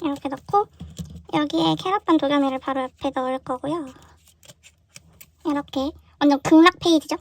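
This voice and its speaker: A young woman vlogging casually while unboxing, excitable and full of surprised exclamations. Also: sits high, normal speed, pauses often, a little hiss or hum.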